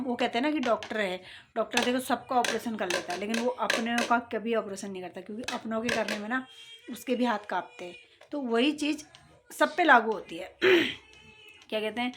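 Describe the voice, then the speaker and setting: A middle-aged woman vlogger talking casually and at length, with rambling, conversational storytelling and frequent throat clearing. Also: on the high side, a bit bright. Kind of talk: casual chat.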